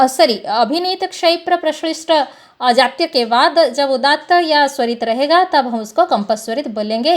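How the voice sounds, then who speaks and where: A woman teacher giving an exam coaching lecture, explaining step by step and slowly reciting Sanskrit verses. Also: high-pitched. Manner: explains step by step, drilling lists.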